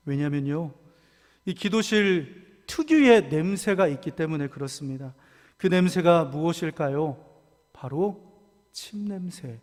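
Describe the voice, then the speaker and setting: Pastor, male, high-pitched, fervent sermon delivery with soft-to-loud swings, long sanctuary reverb. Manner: impassioned, swings from hushed to shouted cries. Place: church sanctuary.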